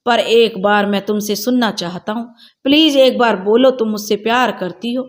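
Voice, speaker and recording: A woman voicing an earnest young man who speaks softly and pleadingly to the girl he loves, in a storybook reading. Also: high voice, normal speed, close to an everyday voice. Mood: tender. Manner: soft, pleading and affectionate.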